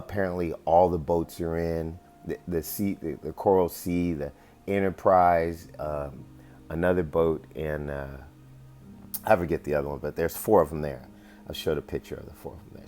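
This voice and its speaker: A man's voice: sits low, a little mellow. A man casually presenting his investigation to viewers, rambling with many fillers and often asking "right?". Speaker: amateur investigator presenting findings. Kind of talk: casual screen-share presentation.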